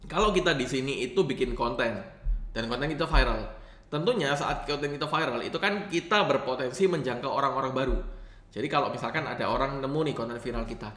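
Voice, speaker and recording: Man teaching in a roomy echo. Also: medium pitch. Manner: lively rising and falling intonation, addresses viewers often. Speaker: host of a channel teaching live streaming. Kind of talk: casual tutorial talk.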